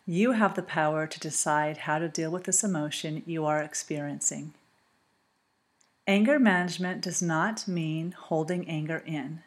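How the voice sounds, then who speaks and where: A woman reading a calm, scripted guided relaxation, speaking slowly and soothingly with long pauses. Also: deep voice.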